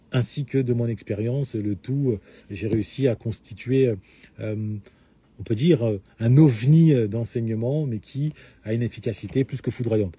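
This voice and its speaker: A man's voice: medium pitch, dark tone, husky. A middle-aged man talking at length in a lecturing way to his audience, full of hesitations and restarts. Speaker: host of a live talk answering questions. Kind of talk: unscripted lecture-style talk.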